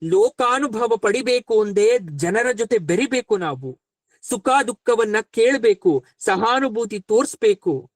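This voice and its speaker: A man voicing the sage Vyasa, an elderly figure who admonishes gravely in a fatherly way. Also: sits high, animated, a little slow, no echo. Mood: admonishing.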